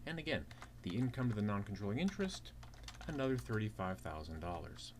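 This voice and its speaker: Brisk and very animated, a man with a fairly low voice plays a teaching assistant going through a worked problem step by step. He asks rhetorical questions as keyboard typing is heard in the clear background noise.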